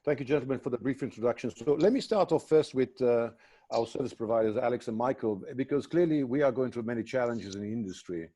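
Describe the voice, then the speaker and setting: Man, webinar host, measured, hesitant, mellow, dry close sound. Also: mid-range voice, no room sound. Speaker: magazine editor and webinar host. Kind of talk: moderating a panel webinar.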